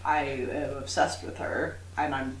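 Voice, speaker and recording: A woman's voice: rumbling low, level tone, unhurried. A woman co-hosting a podcast in casual, gushing chat, her voice sounding tinny, like talking through a tin can. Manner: gushing, chatty, laughs easily. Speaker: podcast co-host. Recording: tinny, echoey home recording with faint hiss.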